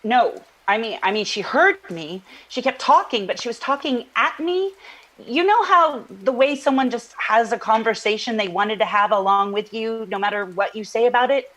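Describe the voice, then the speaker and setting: An actress plays a troubled woman recounting an eerie dream in a naturalistic audio drama style, halting and searching for words. Her voice is fairly high, animated and a bit bright, her mood puzzled and hesitant, and the recording is rough.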